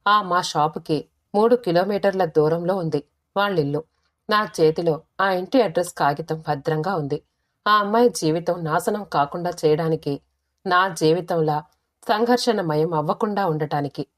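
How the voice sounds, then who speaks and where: A woman narrates a dramatic first-person story for an audiobook. Her delivery is measured and expressive, and her voice sits somewhat low for a woman.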